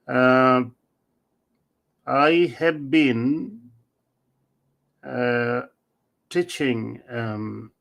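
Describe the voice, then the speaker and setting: A middle-aged man from Bangladesh, answering interview questions as an author in a measured, halting way with many fillers. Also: medium pitch, gravelly, a bit bright. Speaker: author and marriage celebrant, interview guest.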